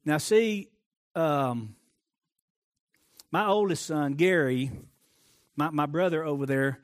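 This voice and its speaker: A middle-aged man preaching a sermon in a high voice. He moves between loud, emphatic declarations and soft, hushed asides. He repeats phrases to drive his points home. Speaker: pastor.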